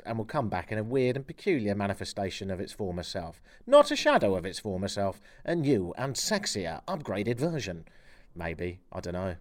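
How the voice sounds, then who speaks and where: A man's voice: lowish voice, darkish tone. A middle-aged man from England hosting a farewell radio show, talking with dry, self-mocking humor and a taste for ranting. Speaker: radio host.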